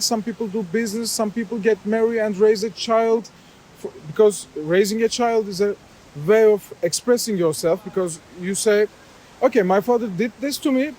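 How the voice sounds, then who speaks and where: A man with a Turkish accent speaks in a notably high voice. He answers as an artist in an unscripted interview, explaining himself in halting phrases as he searches for the right words. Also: a little mellow, poor audio. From Istanbul, Turkey. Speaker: artist, sculptor being interviewed.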